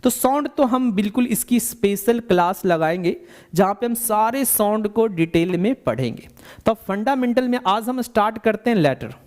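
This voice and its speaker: A man teaching a bilingual spoken English lesson, explaining step by step, repeating questions to the learner and slowing down to dictate definitions. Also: sits high, lively intonation, darkish tone.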